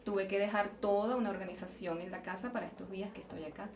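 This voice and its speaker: At a quick pace and with fairly even intonation, a Venezuelan woman in the mid range talks through a conversational interview about her work as a geological engineer, thoughtful but often repeating herself and restarting. The indoor event venue sounds roomy, the mic is distant, and there's faint noise.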